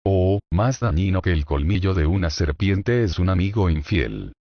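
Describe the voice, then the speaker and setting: This sermon comes from a man whose voice is very low and deep, read with solemn, declamatory gravity yet lively intonation at a normal speed. Rhetorical questions carry his points forward. The sound is muffled and lo-fi, with zero room echo.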